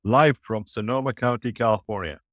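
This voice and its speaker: A man's voice: mid-range voice, fairly quick, fairly bright tone, dry recording. Male podcast cohost, polite, welcoming the guest, dry mic. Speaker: podcast co-host. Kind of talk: podcast interview hosting.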